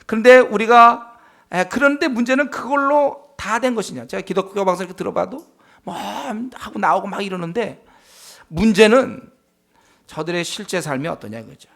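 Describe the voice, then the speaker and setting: A man's voice: high-pitched, lively intonation, moderate pace, a bit bright. A male pastor preaching a Bible study sermon, emphatic, with frequent rhetorical questions and affirming interjections.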